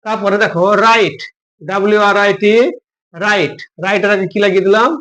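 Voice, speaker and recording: A man's voice: high voice, steady tone, brisk, bright, forceful tone. A man teaching a grammar lesson, patiently spelling words out letter by letter and asking his students questions.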